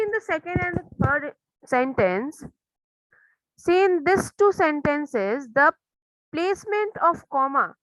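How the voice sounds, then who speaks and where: An Indian woman teacher explaining a language lesson, moving between slow, careful English and rapid Hindi. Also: sits high, fairly bright tone, no room sound, low-quality recording. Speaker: school teacher.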